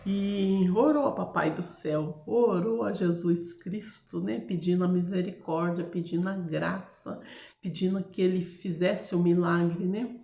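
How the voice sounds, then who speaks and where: Brazilian woman storyteller, gravelly voice, chatty testimony, echoey room. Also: fairly low pitch, a little slow, warm tone. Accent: Brazilian Portuguese. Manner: chatty, keeps addressing listeners with tag questions; hesitant, restarts and searches for words. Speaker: storyteller sharing a personal testimony. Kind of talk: casual spoken testimony.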